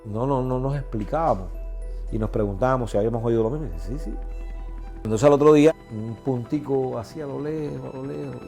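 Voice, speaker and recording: Middle-aged Cuban-accented man, interviewee; gravelly, mellow, animated storyteller. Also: mid-range voice, a little fast, faint music behind. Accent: Cuban Spanish. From Cuba. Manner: animated, acts out voices in his story. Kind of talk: personal storytelling.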